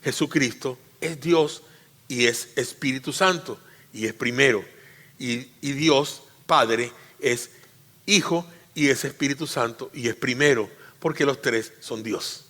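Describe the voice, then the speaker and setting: Bright-voiced man preaching in a reverberant hall. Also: medium pitch, takes it slowly. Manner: teaching, repeats phrases, asks the congregation questions; swings between loud emphatic peaks and quiet asides. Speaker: pastor. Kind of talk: sermon.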